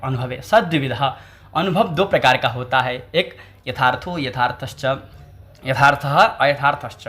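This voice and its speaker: A man's voice: on the high side, a bit bright. A man, teaching a text through a lecture. He asks questions, answers them himself and repeats the key terms. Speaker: Sanskrit teacher. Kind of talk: explanatory lecture.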